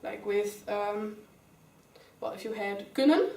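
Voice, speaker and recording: Taking it slowly in a creaky, slightly mellow mid-range voice, a young Dutch-accented student teacher walks her class through English grammar and names pupils in turn. The mic sits far away, giving roomy classroom sound.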